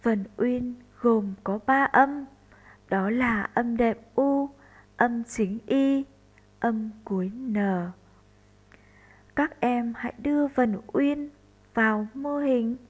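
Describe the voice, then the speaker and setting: A woman primary school teacher from northern Vietnam giving a slow recorded lesson for first graders, spelling out sounds deliberately. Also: a little high, rough recording.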